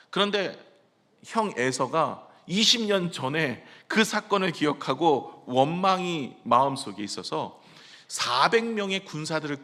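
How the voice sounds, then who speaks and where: A male pastor's medium-pitched voice comes across bright and forceful as he poses questions to the congregation and answers them himself during a sermon. Long church hall reverb fills the sanctuary recording.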